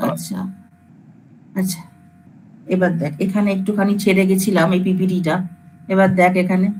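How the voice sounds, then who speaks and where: A woman's voice: fairly low pitch, fairly even intonation, normal speed, a little mellow, a little hiss or hum, poor audio. Casual woman lecturer. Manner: casual, coaxing, addresses students familiarly. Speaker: computer science lecturer. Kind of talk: informal classroom lecture.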